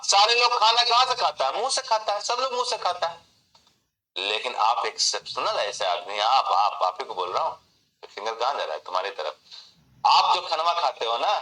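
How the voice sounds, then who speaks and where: With a medium-pitched voice and moderate pace, a man leads an online memory class, lively and calling on students by name. He blends English phrases into his Hindi; the recording is rough and sounds roomy.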